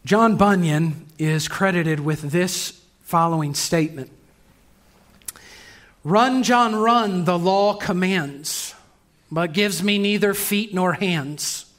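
A man preaching a sermon as pastor in a church, earnest, moving between brisk passages and slow, emphatic lines. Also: sits high, a bit bright.

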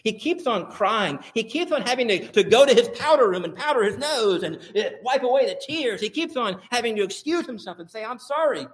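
A man's voice: very high-pitched, expressive, fairly quick, hardly any pauses. A man preaching a sermon as pastor, using emphatic, repetitive phrasing.

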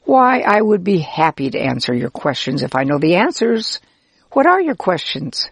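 A woman's voice: fairly low pitch, big pitch swings, moderate pace, breathy edge, no echo, clean studio sound, heavily acted. A woman voicing a friendly, helpful Israelite man who laughs easily and explains patiently in a children's storybook.

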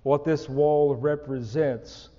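A man preaching an expository sermon, slow and emphatic, rising on key words. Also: on the high side, fairly even intonation, warm tone, long reverb tail, lo-fi sound.

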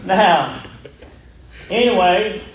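In a very echoey church sanctuary with a noisy background, a man in his seventies preaches a folksy sermon. His voice sits high and moves very slowly, and he is emphatic, calling out for amens.

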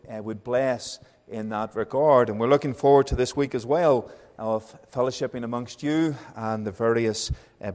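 A pastor in his thirties from Northern Ireland preaches a sermon in a mid-pitched, darkish voice. His delivery is unhurried and friendly, often pausing on small fillers, and the long reverb of a large church hall carries his words.

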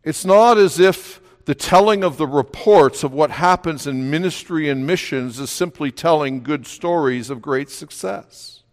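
A man preaching a sermon as pastor, steady in places and building to emphatic, raised delivery. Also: on the high side, a little slow, few pauses. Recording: long reverb of a hall.

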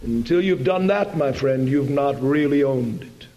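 A man's voice: medium pitch, animated, measured pace, highs cut off. A man pastor preaching a sermon during a Sunday service, earnest and emphatic, pressing his points hard. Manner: earnest, emphatic preaching that swells into loud appeals. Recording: long church-hall reverb.

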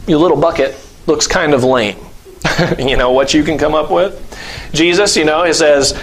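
Man preacher, high-pitched, chatty delivery with frequent fillers. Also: poor audio. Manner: acts out scenes with lively voices and laughs; conversational, uses many fillers. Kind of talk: sermon.

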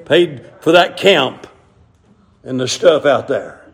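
A middle-aged man preaching a sermon, telling folksy stories and rising to shouted emphasis. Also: mid-range voice, lively intonation, slow, gravelly.

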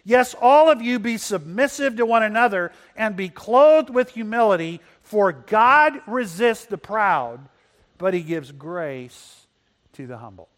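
With a high, lively intonation, this pastor, a native Spanish speaker, delivers a Sunday sermon. He reads from scripture, poses questions to the congregation, and slows his pace to emphasize points.

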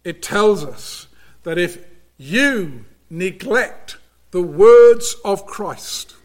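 Here a man with a higher-pitched voice gives an expressive, earnest sermon at a leisurely, careful pace. His emphatic delivery is punctuated by frequent sudden drops to almost a hush.

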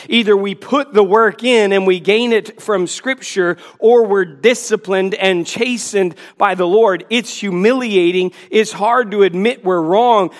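A man in his forties, a pastor, preaching a sermon in an earnest, emphatic way with self-deprecating asides, in a church. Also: high-pitched. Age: 40s.

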